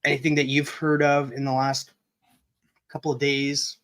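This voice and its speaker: A man's voice: mid-range voice, little pitch movement, normal speed, a bit bright. A man hosting a casual hangout livestream, chatting with viewers and reading news items aloud. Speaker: livestream host.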